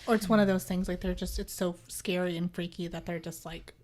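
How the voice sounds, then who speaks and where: A woman's voice: on the low side, fairly even intonation, fairly quick, a little mellow. Woman chiming in briefly. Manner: brief agreeing interjections. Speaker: podcast co-host. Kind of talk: casual chat.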